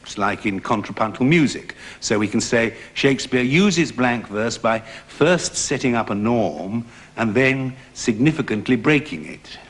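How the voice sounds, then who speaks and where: A man directing actors and explaining verse rhythm in a measured, precise way, sometimes tapping out beats. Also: mid-range voice, expressive. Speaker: director teaching verse speaking.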